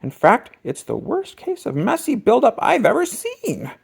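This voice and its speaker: A reader as a firm, animated father bear. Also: mid-range voice, unhurried, gravelly, husky, pitched above the performer's own voice, full character voice. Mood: firm, exasperated. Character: adult father bear, firm, reasonable problem solver. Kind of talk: children's picture book read-aloud.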